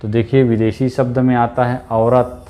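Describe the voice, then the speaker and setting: A man's voice: mid-range voice, level tone, moderate pace, dark tone. A man teaching an exam-prep lesson, repeating key words and checking in often with his students.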